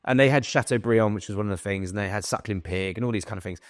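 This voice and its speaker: A young man tells long stories into a studio podcast mic. His voice sits a little low and sounds dry and close. He is animated, swears casually, and slips into other people's voices when he quotes them. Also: fast, dry recording. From England. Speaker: guest. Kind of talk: casual storytelling.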